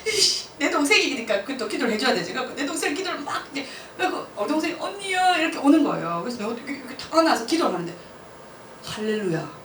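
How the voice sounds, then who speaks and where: A woman missionary telling a personal testimony at church, lively and laughing often as she acts out her own words. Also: high-pitched, racing. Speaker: missionary speaker. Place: church hall. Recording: roomy church hall, mic from a distance, faint noise.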